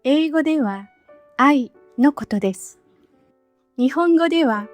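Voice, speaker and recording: A woman teacher giving a scripted lesson, speaking slowly and carefully with clearly spaced phrases, recorded as a voice-over. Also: high voice, lively intonation, soft background music. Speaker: Japanese teacher.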